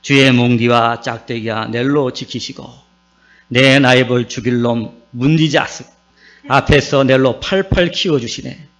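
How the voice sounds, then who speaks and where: A man voicing a plainspoken rural man who recites a psalm in a broad Gyeongsang dialect, slowly and in a folksy, drawn-out way. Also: mid-range voice, fairly bright tone, close to an everyday voice. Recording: dull recording with mains hum.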